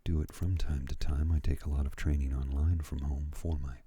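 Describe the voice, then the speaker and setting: A man in his fifties gives soft ASMR talk in an extremely low, breathy voice. His delivery is hushed and soothing, slipping between whisper and murmur. The tone is very dark and mellow, recorded close and dry on a studio microphone. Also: steady tone, fairly quick, dry recording. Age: 50s. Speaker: ASMR host. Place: at home.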